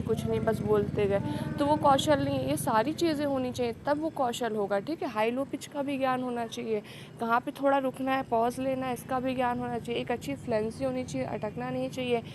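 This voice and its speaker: A woman's voice: fairly high pitch, heavy background noise. A woman teaching a pedagogy lesson for teacher exams, explaining points and often checking in with "okay". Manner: explains in Hindi mixed with English terms, frequent "ठीक है" check-ins. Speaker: teacher exam coach. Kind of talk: pedagogy lecture.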